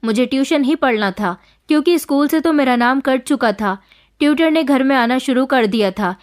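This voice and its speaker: A woman telling a scripted first-person story with a steady, even storytelling delivery. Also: sits high, normal speed.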